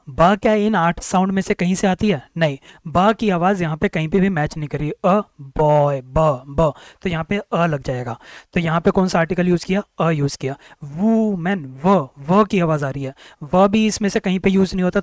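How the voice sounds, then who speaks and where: Man slowly sounding out vowels in a grammar class. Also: sits high, no room sound. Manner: repeats words slowly, sounding out each vowel; asks questions then answers them himself. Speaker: English grammar teacher. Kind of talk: exam-prep grammar lecture.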